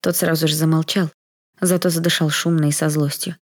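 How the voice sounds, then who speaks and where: A woman reading a first-person audiobook in a soft, even storytelling manner. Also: low-pitched, a little fast.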